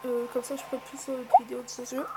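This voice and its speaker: A woman's voice: high voice, little pitch movement, rapid-fire, very noisy. A woman casually commenting on a video game, hesitant, with many fillers and mild swearing. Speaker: gaming video host. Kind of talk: casual let's play commentary. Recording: loud music behind the voice. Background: loud background music.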